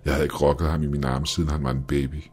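Man with a super deep voice reading a creepy story, calm and steady, faint music behind. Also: breathy edge. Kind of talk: scripted horror story narration.

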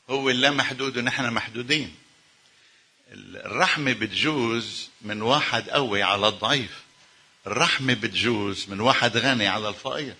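A man's voice: mid-range voice, sharp tone, husky. A male preacher with a Lebanese accent delivering a sermon, putting emphatic rhetorical questions to his congregation. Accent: Lebanese Arabic.

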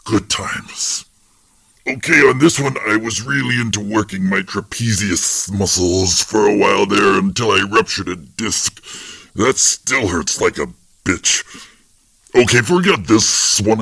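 A man voicing a boastful male alien warlord who shows off his photos in a deadpan, casually brutal way. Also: lowish voice, no echo, exaggerated voice. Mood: bragging.

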